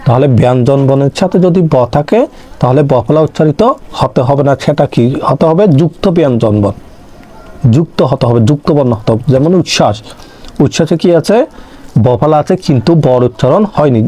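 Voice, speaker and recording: A young man tutoring online walks through an exam-prep grammar lesson step by step, answering his own questions as he goes. His voice is medium-pitched, mellow and fairly quick.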